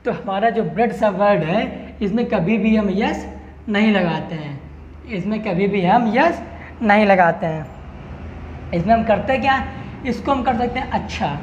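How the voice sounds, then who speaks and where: A man's voice: high voice, animated, unhurried. A man teaches an English grammar class and keeps asking questions that he answers himself. The sound is dull and lo-fi with a faint hiss. A long echo hangs in the room. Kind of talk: online classroom lecture.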